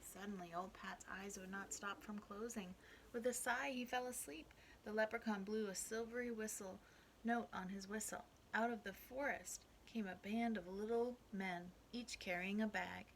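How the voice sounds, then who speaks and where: A woman teacher reading a storybook aloud to young children, expressive and asking them questions. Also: mid-range voice, normal speed, vocal fry, a little hiss or hum, poor audio. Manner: expressive, asks the listeners questions.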